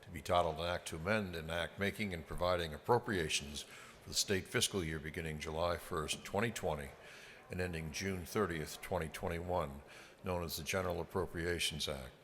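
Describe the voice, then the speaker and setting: Very deep-voiced male clerk in echoing hall. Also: a little fast, a bit bright. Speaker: legislative clerk. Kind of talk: formal reading of a bill caption. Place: large legislative chamber. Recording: echoey hall with faint noise.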